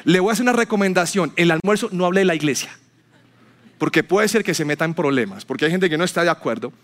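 A man's voice: sits high, expressive, quick pace, fairly bright tone. A man preaching a sermon to a church congregation, telling stories and acting out the people he quotes. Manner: storytelling, acts out quotes with rising voice. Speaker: pastor.

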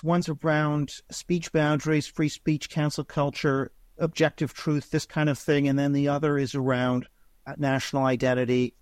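A middle-aged man from Canada, a guest professor giving interview answers in a measured, explanatory academic way. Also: medium pitch, darkish tone, no echo, clean studio sound.

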